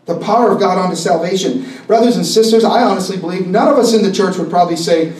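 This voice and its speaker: A pastor preaching an intense, impassioned sermon at a conference. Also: male voice, sits high, fast, a little mellow. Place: conference hall. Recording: echoey hall, mic at a distance.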